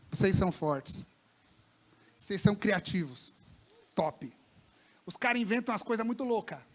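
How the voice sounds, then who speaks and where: A high-voiced pastor preaches a lively sermon to young people at a church service with a live congregation. He's colloquial and slangy, swinging from loud bursts to hushed lines.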